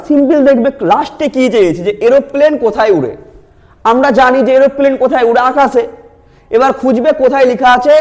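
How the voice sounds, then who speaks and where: A male teacher, explaining reasoning exam questions and answering his own questions. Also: extremely high pitch. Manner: asks questions, then answers them himself.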